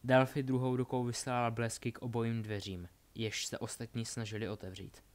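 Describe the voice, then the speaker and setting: A man reading a fantasy story aloud in a steady, plain narrating voice. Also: medium pitch.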